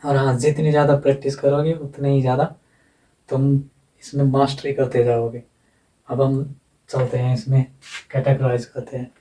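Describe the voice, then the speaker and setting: A man giving a phonetics lesson, slowly repeating sounds and words while he explains. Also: mid-range voice, little pitch movement, mellow, recorded from a distance, poor audio. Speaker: teacher.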